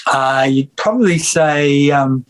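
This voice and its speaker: A man's voice: a little high, takes it slowly, rough recording. Middle-aged Australian man, rambling. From Australia (Victoria). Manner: relaxed, rambling with many fillers and restarts. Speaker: musician and music teacher, guest. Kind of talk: casual interview chat.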